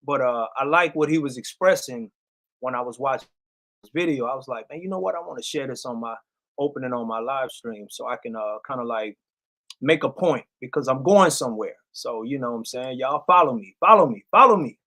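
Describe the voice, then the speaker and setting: A man's voice: mid-range voice, fairly quick, fairly bright tone. A man casually chatting as host of his own live stream from a music studio, loose and rambling, with lots of fillers.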